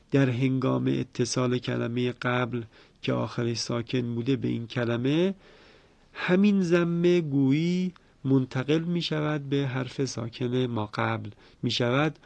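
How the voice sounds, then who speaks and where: A man teaching the rules of Quran recitation in a formal lecture, explaining at a measured pace and slowing down to recite examples. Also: mid-range voice, vocal fry, darkish tone, dry recording. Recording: dull dry lo-fi recording.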